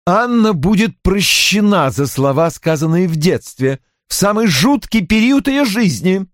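A man voicing a cold, sharp middle-aged woman who speaks clipped lines in an audiobook. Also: high voice, very animated, measured pace, no room sound, studio quality, pitched above the performer's own voice. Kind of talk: audiobook character voice.

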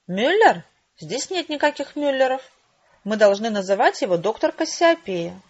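Woman doing a fussy little organizer guy, bossy, pitched up a bit, husky. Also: big pitch swings, normal speed. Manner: bustling, bossy. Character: short fussy male organizer with a list. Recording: dull lo-fi recording.

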